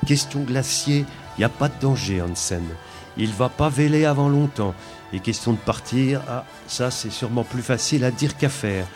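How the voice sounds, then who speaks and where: A man voicing a gruff, crude old Arctic trapper. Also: medium pitch, normal speed, darkish tone, soft background music, lightly acted. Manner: crude, slangy and drawling. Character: gruff coarse-talking Arctic trapper man, crafty and easygoing.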